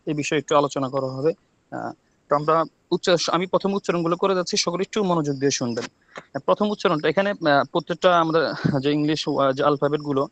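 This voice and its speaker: A man from Bangladesh teaches an online English class from a village home over his phone, moving quickly and repeatedly asking "ঠিক আছে?" to check on students. His voice is on the high side and fairly bright, and the recording is dry but low in quality.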